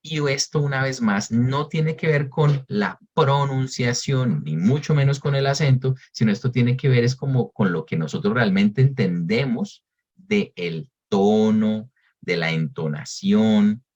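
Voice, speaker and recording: A man's voice: medium pitch, measured pace, darkish tone, dull audio. A man with a Colombian Spanish accent presenting an online webinar lesson, explaining as he goes with frequent fillers and rephrasing. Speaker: webinar presenter on English exams.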